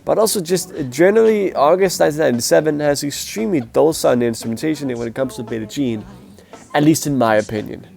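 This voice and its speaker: A man with a slightly high, darkish voice talks fast with vocal fry. He's a music performance reviewer, nasal and sick-sounding, delivering a blunt, opinionated casual video review complete with scores.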